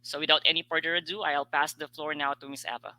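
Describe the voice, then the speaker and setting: Webinar moderator: man, very bright sharp tone, dry close sound, halting with fillers. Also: fairly high pitch, level tone, no echo, rough recording. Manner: hesitant, many fillers between phrases. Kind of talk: hosting a webinar.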